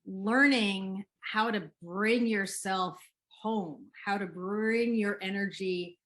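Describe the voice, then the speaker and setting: A middle-aged parenting expert is being interviewed, speaking in a gentle, soothing, and unhurried way. Her voice is mid-range.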